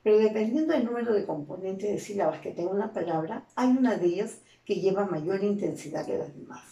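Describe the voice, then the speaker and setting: A woman teacher with a Peruvian Spanish accent gives a slow, deliberate lesson and keeps asking rhetorical questions. Her voice is gravelly and mellow. She sits back from the mic in a very echoey room. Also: mid-range voice, expressive, distant mic, lo-fi sound. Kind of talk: classroom lesson.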